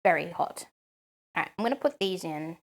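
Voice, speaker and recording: A woman's voice: lowish voice, animated, brisk. A woman chatting casually on a live stream while she cooks at home, answering chat with lots of "um"s.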